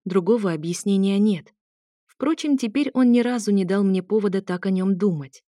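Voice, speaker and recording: A woman narrating a first-person romance novel, intimate and soft-spoken. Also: mid-range voice, moderate pace, no room sound, studio quality. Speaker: audiobook narrator.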